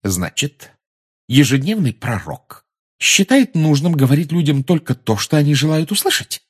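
A clever, cool-headed schoolgirl, voiced by a male reader. She speaks calmly and pointedly, with a raised, slightly husky tone and lively pitch. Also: normal speed. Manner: calm, pointed, sarcastic.

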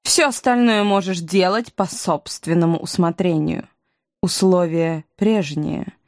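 A woman's voice: lowish voice, unhurried, darkish tone, no room sound, clean studio sound. A woman playing a cold, haughty evil queen. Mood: imperious. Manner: haughty, menacing, sarcastic. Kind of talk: audiobook character reading.

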